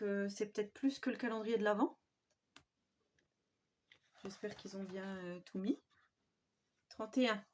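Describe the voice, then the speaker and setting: Soft-spoken woman showing craft papers. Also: medium pitch. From France. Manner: soft-spoken, admiring, with frequent fillers. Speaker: scrapbooking vlogger. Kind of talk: casual show-and-tell haul.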